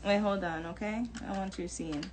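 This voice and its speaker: A New York woman from a Jamaican family, with a Jamaican-American accent, speaks candidly and emphatically to viewers in a personal video monologue, repeating herself and laughing between points. Her mid-range voice is steady, a little mellow and at normal speed, with some hiss or hum in the audio.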